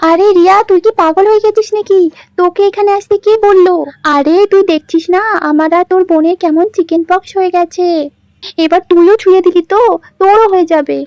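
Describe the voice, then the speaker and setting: A woman's voice: extremely high pitch, steady tone, brisk, darkish tone, dry recording. A woman voicing a sick, worried village mother who frets and sighs her complaints in a doll story. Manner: fretful, sighing complaints.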